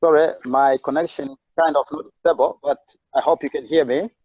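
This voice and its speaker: A man's voice: fairly high pitch, steady tone, a little fast, breathy edge, no echo. A man presenting over an unstable video-call connection, talking hesitantly with many fillers. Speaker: webinar presenter. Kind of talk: online presentation. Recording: dull lo-fi online call audio.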